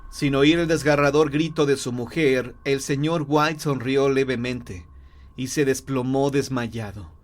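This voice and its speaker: A man narrating a horror tale in a measured, grave storytelling voice. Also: medium pitch.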